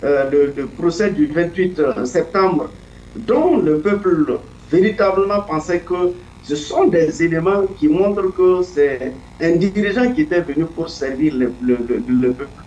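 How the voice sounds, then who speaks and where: A man speaking as a political commentator in an interview, earnest and deliberate, often pausing to search for his words. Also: a little high, a little mellow, slight background noise. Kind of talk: analytical interview answer. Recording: echoey, distant, dull lo-fi sound.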